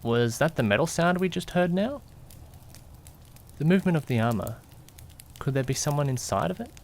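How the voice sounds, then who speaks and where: A slightly high, expressive and somewhat mellow male voice moves at a moderate pace. He narrates an amateur mystery audio drama in first person, cast as a detective's jittery, curious young companion who adds suspenseful, questioning asides. The feeling is suspenseful and curious.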